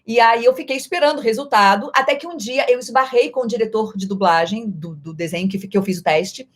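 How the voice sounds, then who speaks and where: A middle-aged Brazilian voice actress with a Brazilian Portuguese accent fields viewer questions in a playful live-stream chat. Her voice sits on the high side and moves briskly, often shifting in loudness and speed.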